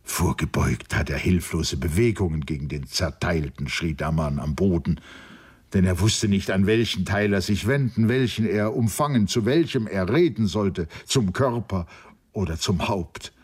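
A man narrates a literary audiobook in a measured, solemn way. His voice is low and has a husky, breathy grain.

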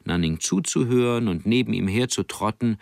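A man calmly reading an audiobook as narrator. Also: on the low side, moderate pace, vocal fry, dry recording, studio quality.

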